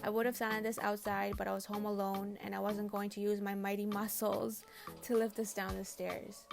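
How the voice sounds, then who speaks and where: A DIY home makeover vlogger, originally a Tamil speaker, reads her scripted voice-over with vocal fry, a medium pitch, flat delivery and normal speed. The tone is casual, chatty and self-deprecating, and faint background music plays.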